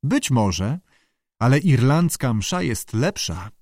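Voicing an audiobook character, a man brings to life a little Irish sailor who loves gossip, coaxes and plots in a conspiratorial tone, and retreats at the first push. The medium-pitched delivery swings widely in pitch, the tone is darkish, and the clean studio sound has no room noise.

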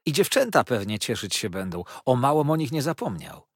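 Man voicing an excitable young gentleman, gushing, raised voice, husky, lively storybook delivery. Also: mid-range voice, a little fast, dry recording, studio quality, pitched above the performer's own voice, full character voice. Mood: cheerful. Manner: gushing, breathless, showers questions. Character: effusive, excitable young male lawyer friend.

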